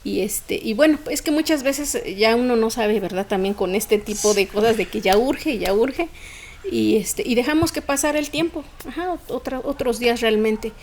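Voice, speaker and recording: A woman's voice: a little high, normal speed, darkish tone. A woman, a podcast guest telling a personal story in conversation, emotional and fluent, with frequent fillers.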